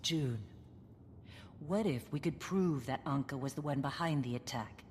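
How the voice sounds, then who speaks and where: A woman's voice: very deep voice, unhurried, darkish tone. A woman playing a dry, level-headed detective in a video game. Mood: dry, measured. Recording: long reverb, faint background noise.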